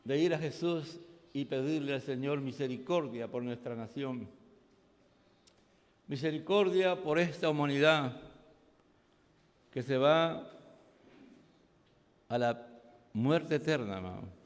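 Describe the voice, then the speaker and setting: A man with a Peruvian Spanish accent, a pastor preaching a sermon, moving from quiet storytelling to shouted preaching in a church. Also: medium pitch, takes it slowly, long pauses. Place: church hall. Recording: long hall reverb.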